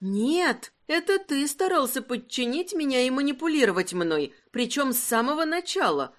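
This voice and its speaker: A woman's voice: sits high, sing-song. A woman voicing a spirited young heiress. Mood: indignant. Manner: earnest, quick to argue.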